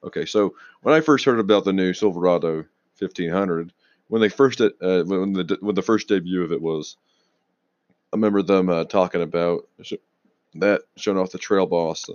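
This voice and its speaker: A young man casually rambling on his own show, restarting sentences, swearing now and then and clearing his throat a lot, sounding tired. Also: sits low, normal speed, darkish tone, dry recording, highs cut off. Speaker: auto news vlogger.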